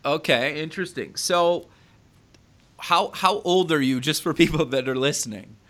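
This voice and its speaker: A man's voice: on the high side, normal speed, fairly bright tone. A man hosting a casual interview, often restarting his words and saying "okay" as he listens. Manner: stammering restarts, frequent "okay". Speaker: podcast host.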